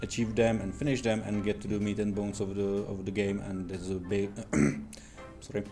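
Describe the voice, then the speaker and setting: A Czech-accented man of around thirty answers interview questions in careful, hesitant English. His voice is lowish, mellow and even, with little rise and fall. Faint music plays underneath. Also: moderate pace. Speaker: lead game designer.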